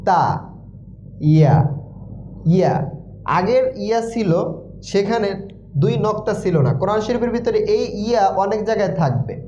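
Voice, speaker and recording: A man teaching Quran letters in a slow recitation lesson, with a Bangladeshi Bengali accent, repeating each letter sound many times. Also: high-pitched, darkish tone, slight background noise. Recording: roomy, dull lo-fi sound.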